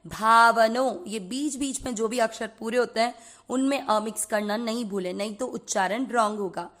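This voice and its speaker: A woman from India leads a slow pronunciation lesson in a somewhat high voice. She takes her time over every syllable, spelling out each sound and then chanting the whole line. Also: fairly bright tone. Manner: slow, careful, repeats each syllable and chants the verse lines. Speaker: Sanskrit recitation teacher.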